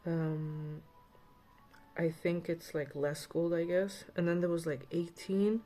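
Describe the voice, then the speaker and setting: Slow, mellow woman with a lisp. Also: lowish voice, little pitch movement, soft background music. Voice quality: slight lisp. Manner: rambling, chatty, with many fillers. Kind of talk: casual chat.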